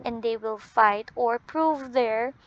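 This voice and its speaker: A woman teacher with a Filipino accent giving an English lesson, drawn out and deliberate, often ending points with a questioning "no?". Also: a little high. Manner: ends points with tag "no?". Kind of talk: classroom lesson. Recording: dull lo-fi audio.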